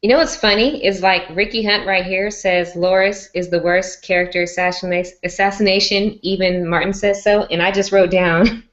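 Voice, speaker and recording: A woman's voice: medium pitch, normal speed, few pauses. Chatty woman co-hosting a muffled stream. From Mexico. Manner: chatty, giggly and energetic. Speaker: co-host. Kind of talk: casual live-stream chat.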